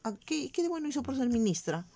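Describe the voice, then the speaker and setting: A woman's voice: high voice, very animated, fast talker, warm tone. A woman from Peru with a Peruvian Spanish accent, giving casual commentary as a vlogger, indignant and emphatic, repeating points for stress. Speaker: shopping vlogger. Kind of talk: casual commentary on current events.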